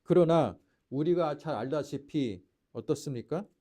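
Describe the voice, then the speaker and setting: A male pastor delivering a sermon in a fairly high, very animated voice that rises and falls widely. His tone is dark and mellow, and he keeps asking the congregation rhetorical questions, dropping at times almost to a whisper before swelling again. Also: measured pace. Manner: preaching with rhetorical questions and acted quotes; swings between loud declarations and near-whispered lines.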